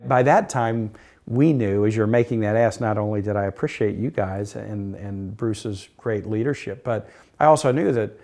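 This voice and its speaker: A man who was a city councilman and mayor, talking briskly and chattily with many fillers in an interview. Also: fairly low pitch, darkish tone. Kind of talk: documentary interview.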